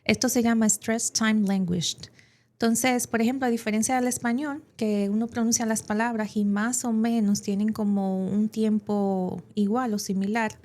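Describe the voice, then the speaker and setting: A woman's voice: fairly high pitch, fairly even intonation, moderate pace, darkish tone. A woman with a Dominican Spanish accent, an English teacher explaining in an educational podcast with plenty of examples and fillers.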